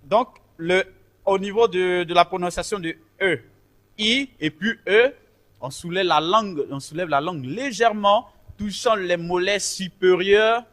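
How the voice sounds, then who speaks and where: High-voiced man leading a vocal lesson. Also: measured pace, fairly bright tone. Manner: counts in and calls out sung vowels to a group; patient, repetitive explanations. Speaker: voice teacher.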